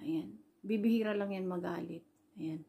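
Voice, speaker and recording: Mellow, husky Filipino woman telling a story. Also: mid-range voice, normal speed. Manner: rambling, fillers like "ayan", retells quoted dialogue. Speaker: overseas worker and caregiver vlogger. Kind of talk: casual storytelling vlog.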